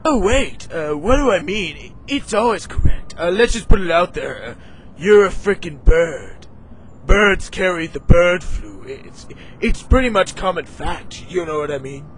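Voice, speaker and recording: A man voices a smug, deadpan boss in a homemade machinima comedy. He drawls slowly, a bit lower than his usual high bright voice, with lively pitch. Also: slight background noise. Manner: deadpan, drawling, full of uhs. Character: smug male office boss who fires the chicken.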